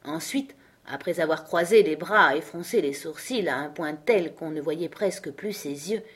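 A woman reading a storybook aloud as audiobook narrator, in a steady, even style. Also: deep voice, moderate pace, slightly rough. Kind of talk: scripted narration.

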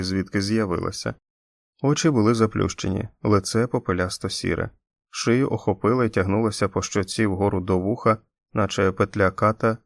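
A man narrating an audiobook in a steady, measured reading. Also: on the low side, no echo, clean studio sound. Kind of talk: scripted narration.

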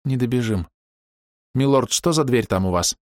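A man's voice: medium pitch, animated, normal speed, a little mellow, dry recording, studio quality, pitched above the performer's own voice, close to an everyday voice. A man voicing a stern, curt wolf-kin hunter who leads his group, in an audiobook. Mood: urgent. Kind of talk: audiobook character voice.

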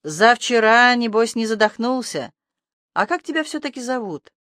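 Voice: mid-range voice, big pitch swings, moderate pace, fairly bright tone, no room sound, clean studio sound. An audiobook narrator voicing a wary, prickly young village girl who speaks indignantly. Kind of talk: audiobook character voice.

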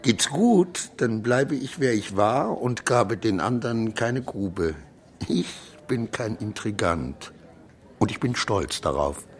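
In a radio play, a male actor portrays a minor clerk who is flustered, proud and insecure, rambling between pompous declarations and muttering in a defiant, pompous mood. His voice is lowish with lively intonation and a slow pace.

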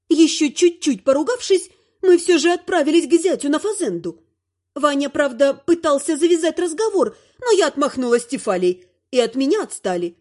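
A woman with a high voice narrates a first-person audiobook. Her reading is wry and lively, dropping lower for the narration between characters' lines.

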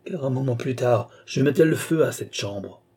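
A man voicing a dying old alchemist who pleads, rages and screams in a hoarse, harsh voice. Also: normal speed, a little mellow. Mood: screaming. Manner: shrill pleading cries turning to furious screams. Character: dying old male alchemist, raging and vengeful.

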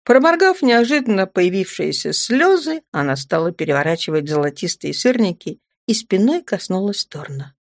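A woman reading an audiobook as narrator, with expressive storytelling. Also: mid-range voice, normal speed, few pauses, dry recording, clean studio sound. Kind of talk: scripted narration.

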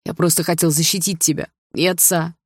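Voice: mid-range voice, fairly even intonation, fairly quick, husky, no room sound, studio quality, close to an everyday voice. Reader voicing a guilty, flustered young man. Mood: pleading. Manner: pleading, flustered. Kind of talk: audiobook dialogue.

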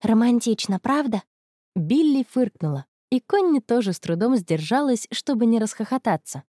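A woman narrating an audiobook in an expressive manner. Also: a little high, moderate pace, no room sound, studio quality. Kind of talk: audiobook reading.

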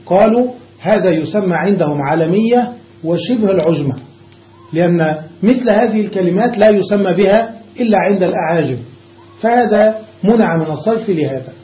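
A man's voice: high-pitched, lively intonation, a little fast. A man teaching a classroom grammar lesson, explaining step by step and often stopping to check that his students follow. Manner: explains step by step, checks understanding with repeated questions. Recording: dull echoey classroom recording.

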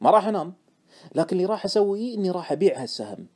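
A man's voice: sits high, sing-song, rapid-fire, mellow, exaggerated voice. A man playing a stubborn, unshakable trader. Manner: stubborn, matter-of-fact replies. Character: calm, stubborn male trader narrator's younger self.

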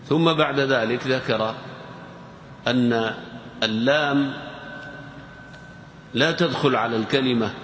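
A male teacher giving a formal grammar lecture at a measured pace and an ordinary pitch. Each point and example comes twice, as if for note-takers. His voice carries a long reverb through a large hall, over a faint background hiss. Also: fairly bright tone. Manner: slow, deliberate, repeats key words and examples. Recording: echoey hall with faint noise.

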